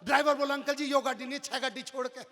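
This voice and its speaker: High-voiced comic poet on a live stage. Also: male voice, fast. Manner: lively storyteller acting out many characters, shouting punchlines. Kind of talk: stage comedy storytelling. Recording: long hall reverb from a live stage PA.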